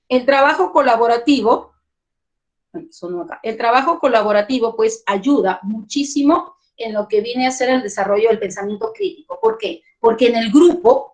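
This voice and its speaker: Lively woman teacher trainer, Peruvian. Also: a little high. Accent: Peruvian Spanish. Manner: lively, addresses teachers directly with rhetorical questions. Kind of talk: online teacher training webinar. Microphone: computer mic on a video call.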